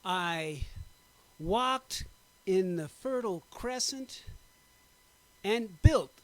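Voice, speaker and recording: A man giving a dramatic poetry recitation, slow and emphatic, drawing out his words. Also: lively intonation. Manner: slow, emphatic, drawn-out delivery with big pitch swings. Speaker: poetry performer.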